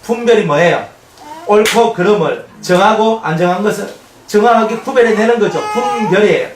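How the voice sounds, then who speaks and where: A male pastor preaching an expository sermon, conversational and animated, often asking the congregation questions. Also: sits high, brisk. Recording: echoey room, mic at a distance, faint noise.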